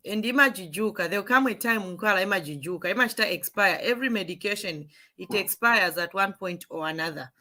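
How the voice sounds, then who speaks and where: A woman hosts a discussion program, speaking straight to the viewers. Her voice is bright and forceful, with local words slipped into the talk. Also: mid-range voice, fast. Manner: addresses viewers directly, mixing in local words. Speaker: talk show host. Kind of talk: hosting a call-in discussion.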